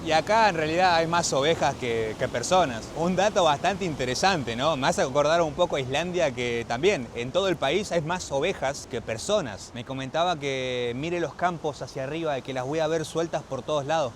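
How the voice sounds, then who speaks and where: A man's voice: a little high, normal speed, hardly any pauses, noisy background. A man with a Rioplatense Spanish accent, chatting casually as a travel vlogger while walking outdoors through a small village and talking straight to his viewers. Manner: chatty, addresses viewers directly, laughs easily.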